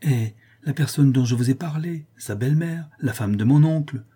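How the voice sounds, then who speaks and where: A man's voice: medium pitch, normal speed, dark tone, slightly rough, pitched above the performer's own voice, natural voice. A man reading an audiobook who voices an earnest, anxious young woman who speaks hesitantly and explains herself. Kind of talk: audiobook character voice.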